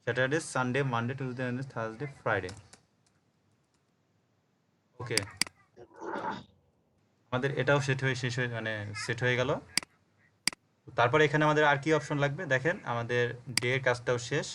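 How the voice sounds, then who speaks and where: A man's voice: medium pitch, steady tone, fairly quick, long pauses, background noise. Bangladeshi man teaching code step by step. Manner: explains step by step, spells words letter by letter, checks understanding often. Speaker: programming teacher. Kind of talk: live coding lesson on a call.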